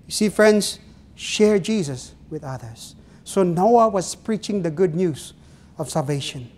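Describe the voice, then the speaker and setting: The speaker is a middle-aged man from the Philippines, an Ilonggo-speaking pastor with a Filipino accent, whose high-pitched, expressive voice has a darkish tone. He preaches earnestly from a small church's pulpit, lingering on phrases and putting questions to the people listening.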